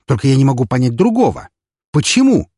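A man's voice: mid-range voice, huge pitch swings, brisk, mellow, slightly rough, no room sound, studio quality, pitched above the performer's own voice. A man voicing a hot-tempered, furious nobleman who barks accusations in a storybook reading. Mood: biting. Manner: barking, accusing.

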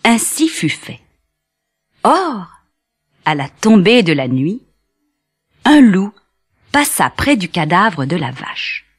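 A woman's voice: mid-range voice, breathy edge. A woman narrating a children's fairy tale expressively. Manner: slow, expressive, lively. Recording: cassette with soft music behind.

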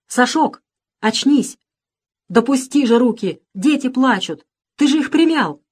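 A woman voicing an old village grandmother crying out in urgent alarm, higher and louder than her narration. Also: animated, a little slow, breathy edge, exaggerated voice. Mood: pleading, urgent. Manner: urgent pleading cries.

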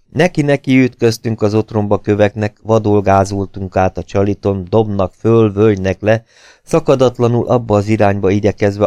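Brief: male narrator, low warm tone, dry close sound, measured dramatic reading. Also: dry recording. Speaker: audiobook reader. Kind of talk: scripted narration.

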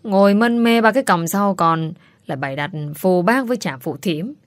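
A woman's voice: mid-range voice, animated, normal speed, dry recording, lightly acted. A woman voicing a scornful, nagging middle-aged aunt. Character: sharp-tongued nosy middle-aged aunt.

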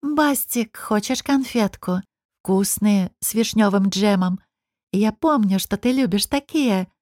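A woman voicing a scheming young beauty who talks in a sweet, teasing way that turns sharp. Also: a little high, normal speed, no echo, studio quality, natural voice. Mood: sugary teasing.

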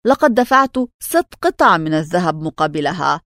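A greedy tavern keeper haggles in a grasping way, as a woman narrator acts him out. His lines move with lively pitch. The recording is close and dry. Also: normal speed, no room sound, full character voice. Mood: haggling.

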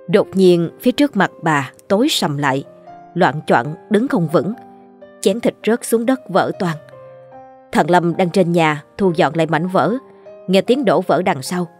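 A woman's voice: lowish voice, a little mellow. A woman narrating a ghost story in a scripted storytelling style.

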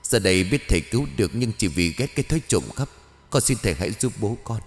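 A man's voice: on the low side, lively intonation, fast talker, long reverb tail, faint music behind, lightly acted. A man voicing the polite, pleading ghost of a small boy in a ghost story. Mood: earnest. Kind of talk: audio ghost story reading.

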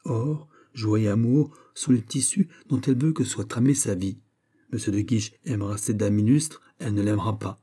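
A man voicing a gentle, earnest young woman who speaks sincerely of love, in an audiobook. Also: on the low side, normal speed, breathy edge. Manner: earnest, pleading.

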